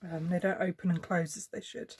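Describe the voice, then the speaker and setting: A woman's voice: fairly low pitch, flat delivery, brisk, darkish tone, husky. A woman chatting casually while she stitches, rambling and thinking aloud with plenty of fillers and restarts. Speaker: cross-stitch vlogger.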